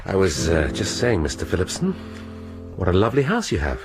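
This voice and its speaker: Inspector Morse, very deep and dry. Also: male voice, wildly swooping pitch, loud music behind the voice, full character voice. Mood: probing. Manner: dry, probing, unhurried questioning. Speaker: police inspector. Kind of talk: BBC radio drama acting.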